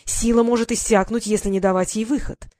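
The reader voices a stern dark-haired councilwoman who presses her point insistently and with indignation. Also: medium pitch, fairly even intonation, fairly quick, no echo, clean studio sound, natural voice.

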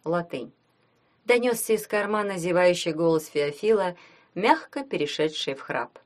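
A woman's voice: fairly low pitch, lively intonation, normal speed. Woman reading a fantasy audiobook. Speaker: audiobook narrator. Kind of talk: scripted narration.

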